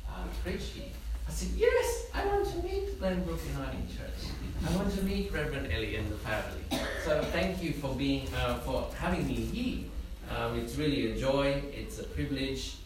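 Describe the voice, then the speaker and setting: A man's voice: mid-range voice, sing-song, moderate pace, few pauses. A young man from Indonesia preaching as a guest in a church, friendly and self-deprecating with jokes along the way. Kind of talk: sermon with humor. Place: church sanctuary. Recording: echoey church from far off, noisy.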